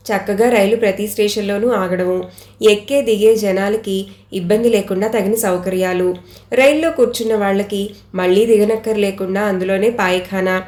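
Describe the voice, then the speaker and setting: A woman reads a story aloud with steady, measured first-person narration. Her voice sits at a middle pitch. The reading was recorded in an echoey room.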